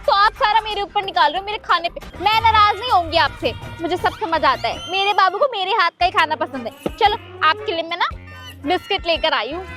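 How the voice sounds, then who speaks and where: A woman's voice: very high-pitched, a little fast, sharp tone, soft background music. A woman voicing a sweet, clingy young girlfriend who talks in a doting, sugary way in a comedy sketch.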